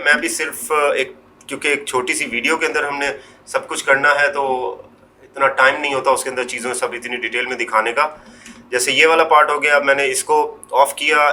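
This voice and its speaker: Man, software tutorial, step-by-step explaining, bright forceful voice, faint hum behind. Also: mid-range voice. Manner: unhurried step-by-step explaining, trailing off quietly; mixes English words into Hindi. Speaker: Photoshop tutorial presenter. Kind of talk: screen-recorded software tutorial.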